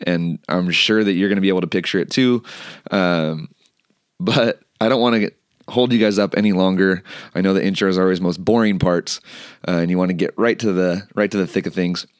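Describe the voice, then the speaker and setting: A man with a low voice hosts a podcast, relaxed and earnest, now and then restarting a phrase. The sound is dry and close, with no room around it. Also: no echo. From United States. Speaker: podcast host. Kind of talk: podcast intro and interview. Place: California.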